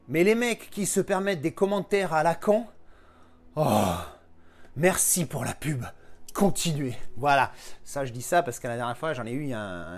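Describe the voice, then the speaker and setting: A man casually chatting through an unboxing vlog, jokey and a little profane, talking while he handles and opens the packaging. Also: on the high side. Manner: jokey, animated, casually swearing. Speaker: collector unboxing a film edition.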